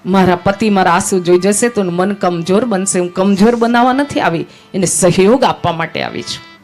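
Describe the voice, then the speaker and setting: A loyal, selfless queen speaks with quiet resolve, as a woman storyteller gives her the lines. The delivery is earnest and plain, and soft instrumental music lingers behind. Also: medium pitch, moderate pace, close to an everyday voice. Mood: resolute.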